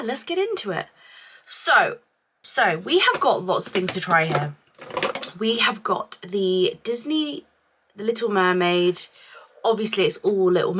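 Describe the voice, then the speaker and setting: A woman's voice: fairly high pitch, bright, forceful tone, slight background noise. A woman vlogger reviewing beauty products in a casual, chatty way, thinking aloud, her voice chesty from a cough. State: chesty from a week-long cough.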